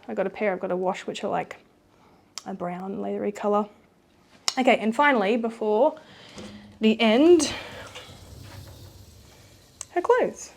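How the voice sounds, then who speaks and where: A woman's voice: on the high side, a little mellow. A young woman giving a casual, rambling walkthrough of her baby's nursery at home, with lots of fillers. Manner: chatty, rambling, many fillers. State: pregnant, with hiccups. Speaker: vlogger.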